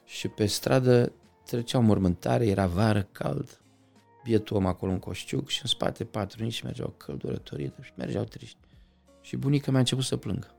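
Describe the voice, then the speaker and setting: A middle-aged man talking as an interview guest, passionate, swinging from loud outbursts to quiet reflection. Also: fairly low pitch, expressive, gravelly, soft background music. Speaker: podcast guest. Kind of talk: conversational interview.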